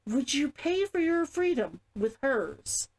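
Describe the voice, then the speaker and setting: A woman's voice: high-pitched, big pitch swings, takes it slowly, voice pushed up, full character voice. A woman voicing a blunt, suspicious female guard who questions sternly, in a storybook narration. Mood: insistent. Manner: blunt, interrogating.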